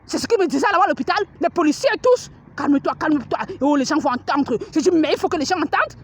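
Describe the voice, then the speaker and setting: A woman's voice: high-pitched, expressive, fast talker. A woman from Cameroon, ranting in a repetitive, crude and defiant way while walking a city street, filming on her phone. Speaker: vlogger. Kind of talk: filmed street rant.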